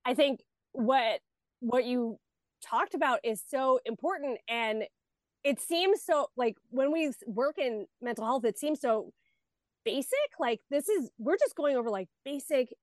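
A woman hosts a casual podcast, chatting in a bubbly, expressive way. Her voice is high, and the recording is dry. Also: a little slow, dry recording. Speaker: podcast host.

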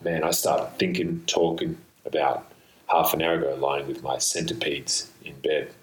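A man's voice: rumbling low, steady tone, normal speed. A man hosting a solo podcast in a loose, slangy, playful ramble, musing aloud, recorded on a laptop's built-in microphone. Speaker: podcast host. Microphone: built-in laptop microphone, mistakenly used instead of studio microphone. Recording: roomy laptop microphone sound.

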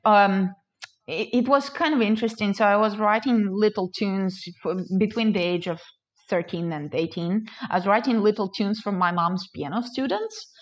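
A woman's voice: medium pitch, moderate pace, muffled recording. A young woman from Ukraine, a composer and pianist, chatting casually as an interview guest, with lots of fillers and laughter.

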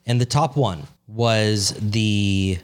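A man's voice: fairly low pitch, very slow, clear, resonant tone. A man co-hosting a podcast in casual chat, swearing freely and teasing his co-host with mock outrage.

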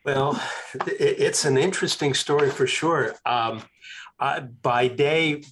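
A man, a guest author, telling a story in a casual interview, with animated emphasis. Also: mid-range voice, slow pace, a little hiss or hum.

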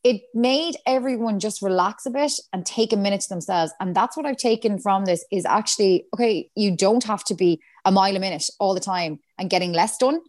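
A woman's voice: medium pitch, a little fast, few pauses, darkish tone. A woman from Galway with a west of Ireland accent, chatting casually and expressively, acting out little quotes as she tells stories. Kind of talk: casual chat.

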